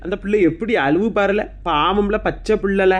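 A woman's voice: mid-range voice, normal speed, pitched below the performer's own voice, lightly acted. A woman with a Kanyakumari Tamil accent voicing a blunt older neighbor woman who scolds a young husband. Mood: scolding. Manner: blunt, chiding.

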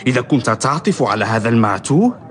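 A principled humble barber in old history radio drama, medium voice, passionate speechy delivery. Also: male voice, medium pitch, very animated, fast talker, fairly bright tone. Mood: indignant. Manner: impassioned, declaiming. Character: indignant, righteous man, a humble barber. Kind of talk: historical radio drama acting in formal Arabic.

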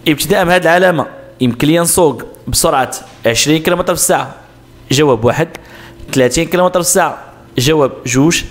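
A man's voice: on the high side, racing. A man with a Moroccan Arabic accent explaining road sign exam answers step by step, asking questions and answering them himself. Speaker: driving instructor.

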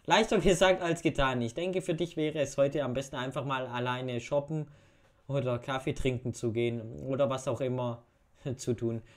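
A man's voice: mid-range voice, steady tone, normal speed. A young man reading quiz questions aloud and muttering wry answers in a casual home video commentary. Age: young adult. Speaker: YouTuber. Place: bedroom at home. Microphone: webcam facecam.

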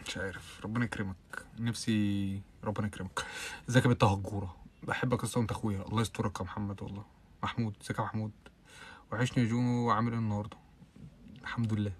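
Fast-talking young Egyptian man. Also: slightly rough. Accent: Egyptian Arabic. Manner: rapid chatty talk with frequent oaths and bursts of loud high laughter. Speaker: live stream host. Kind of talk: casual live stream chat reading viewer comments.

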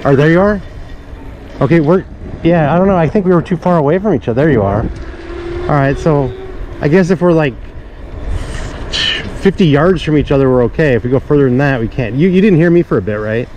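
A middle-aged vlogger, his voice on the high side and dark in tone, speaks briskly but pauses often while riding down a suburban street. He chats casually and ramblingly with jokey asides, recorded through dull action-camera audio with outdoor street noise.

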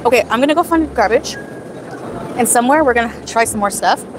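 On a casual phone livestream from an outdoor night market, a woman in her thirties speaks a little quickly in a higher voice. Between bites she chats and reads viewers' names aloud. Crowd noise and loud music come through her phone, held at arm's length.

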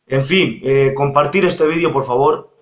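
A man's voice: medium pitch, measured pace. A man, earnestly voicing a complaint in a casual video. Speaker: youtuber in the reacted video. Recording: echoey room.

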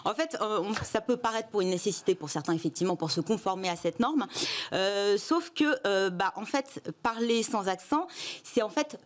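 A woman's voice: mid-range voice, normal speed. Emphatic Parisian woman columnist. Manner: emphatic, addresses viewers directly. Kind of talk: scripted TV column with asides.

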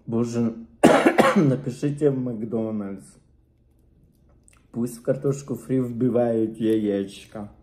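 Мужчина говорит с набитым ртом, неспешно. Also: male voice, mid-range voice, takes it slowly, long pauses, a little mellow. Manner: playful, joking, addresses viewers directly. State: chewing while talking. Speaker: mukbang vlogger. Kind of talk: casual mukbang chat to viewers.

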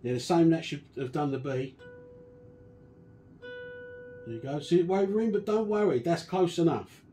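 A man casually walking through a guitar restoration and explaining each step in a relaxed, chatty way. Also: on the high side, a little fast. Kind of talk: casual workshop demonstration.

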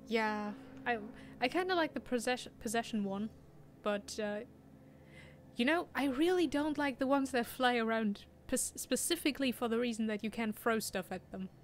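This German-accented young woman keeps up casual gameplay commentary at a moderate pace, laughing a lot and reading chat out loud. Her pitch is fairly high, and a faint hiss or hum runs under it.

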